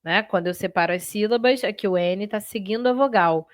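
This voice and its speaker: Speaking briskly at a medium pitch, this woman runs a live online Portuguese exam-prep class in a lively, chatty way, talking directly to her students. The recording is close and dry, with no sense of the room.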